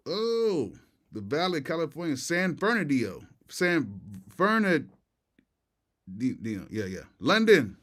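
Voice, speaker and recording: A man's voice: on the high side, big pitch swings, takes it slowly, fairly bright tone. An American man from Florida hosting a casual livestream, talking with retainers in his mouth, using slang and repeating his greetings and phrases. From Tampa, Florida. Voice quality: slightly off articulation from wearing retainers. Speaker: livestream host and music producer.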